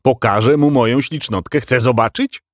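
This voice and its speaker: A man's voice: medium pitch, moderate pace, dry recording, natural voice. A man voicing a boisterous, boastful old male admiral, a furry beaver-like creature who whistles through his big front teeth. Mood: exclaiming. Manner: loud, exclaiming, boastful.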